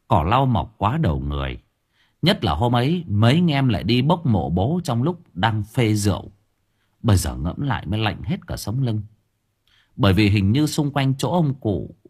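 Male audiobook narrator; husky, animated, wry comic storytelling. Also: lowish voice.

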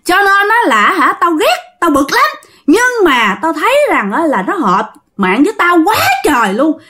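A woman's voice: sits high, very animated, moderate pace, pushed and bright, pitched above the performer's own voice, exaggerated voice. A woman voicing a vengeful female ghost nearly a hundred years old who has turned into a demon, snarling threats. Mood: possessive, menacing.

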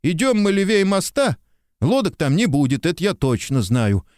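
A man's voice: on the high side, big pitch swings, normal speed, a little mellow, no echo, studio quality, voice pushed up. A man voicing a talkative, timid soldier who rambles and complains plaintively in an audiobook. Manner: rambling storyteller, apologetic and plaintive. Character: chatty timid male soldier, talkative and guilty. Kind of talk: audiobook character reading.

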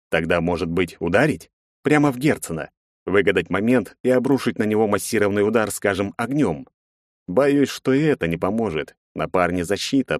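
A man narrating a first-person fantasy audiobook in a tense, measured way. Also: low voice, no room sound, studio quality.

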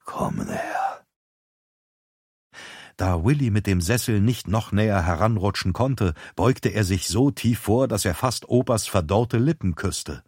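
A man narrating an audiobook in a calm, even storytelling voice. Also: fairly low pitch, normal speed, few pauses, slightly rough, dry recording, clean studio sound. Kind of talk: scripted narration.

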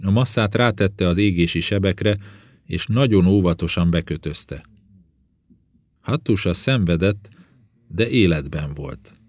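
A man narrating an audiobook in a calm, even reading voice. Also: low voice, long pauses, no echo. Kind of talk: scripted narration.

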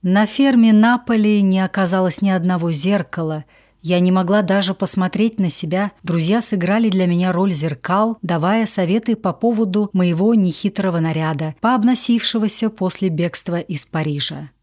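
Woman audiobook narrator, measured and subdued, with a dark, mellow voice. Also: mid-range voice. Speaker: audiobook reader. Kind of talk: first-person memoir narration.

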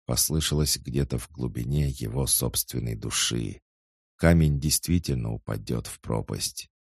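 A man reading a dark action story aloud as dramatic narration, slow and intense, rising to shouts for the characters' lines. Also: a bass voice, gravelly, slightly rough, no room sound, clean studio sound.

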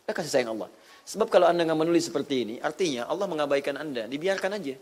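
A man preaching a sermon, animated and informal, swinging between loud emphatic bursts and soft low asides, with occasional laughter. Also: very fast. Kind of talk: sermon with audience questions.

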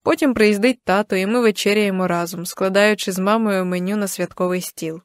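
Young woman reading a story aloud, gentle and even, dry studio sound. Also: medium pitch, fairly quick, no room sound. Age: young adult. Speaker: audiobook narrator. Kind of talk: first-person audiobook narration.

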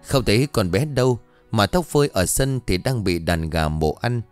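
Low-voiced man narrating an audio story. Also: moderate pace, soft background music. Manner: expressive dramatic reading.

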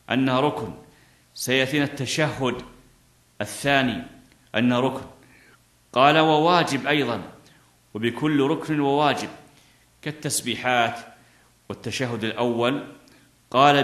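Male scholar, middle-aged, mid-pitched, reads passages then quizzes his class, roomy echo. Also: a bit bright. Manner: reads quotes from the book, then explains with questions to students. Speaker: Islamic scholar teaching a fiqh text. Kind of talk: classroom lecture explaining a text. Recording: echoey room.

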